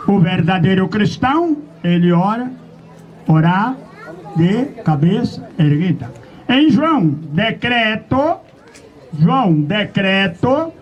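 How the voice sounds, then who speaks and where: A man preaching an open-air sermon, questioning his listeners and drawing out verse references. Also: high voice. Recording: dull lo-fi outdoor recording.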